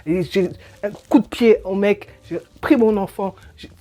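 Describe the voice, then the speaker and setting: A middle-aged woman, a divorce coach telling her own story and advising the listener in a colloquial, expressive way. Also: medium pitch, a little slow. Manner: expressive, colloquial, acts out scenes. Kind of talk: personal story and advice to viewer.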